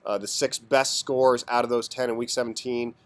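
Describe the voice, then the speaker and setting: A man with a hoarse, under-the-weather voice hosting a casual video announcement of standings as a league commissioner, in an informal, mock-official sports announcer manner. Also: mid-range voice, fairly even intonation, normal speed. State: hoarse, sick. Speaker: fantasy football league commissioner and host.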